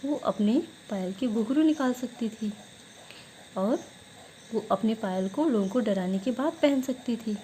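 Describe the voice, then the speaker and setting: A woman teacher giving an online class lesson, who asks questions and answers them herself, drilling words slowly syllable by syllable. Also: mid-range voice, mellow, slight background noise, rough recording.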